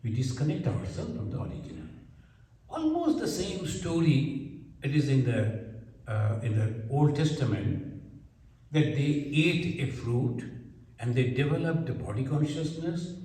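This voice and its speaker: A man with a Bengali accent teaching scripture, explaining slowly and repeating his phrases. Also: medium pitch, very animated, dark tone. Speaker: spiritual teacher. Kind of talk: scripture lecture. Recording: echoey hall from far off.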